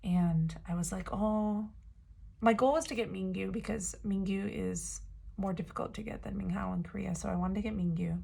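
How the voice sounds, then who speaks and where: A woman talks straight to her viewers in a loose, rambling vlog style and keeps dropping "um" and "like". Her voice has a gravelly fry with a husky edge. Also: mid-range voice, a little fast, mellow. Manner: chatty, rambling, many fillers and "like". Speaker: vlogger. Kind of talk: casual vlog storytelling.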